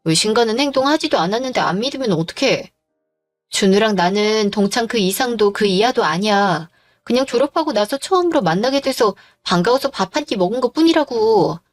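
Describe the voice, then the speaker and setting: A woman's voice: medium pitch, animated, brisk, no room sound, soft background music, lightly acted. A woman voicing a tired young wife who defends herself against her husband's jealous accusations, in a dramatized story. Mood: defensive. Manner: defensive, weary, pleading.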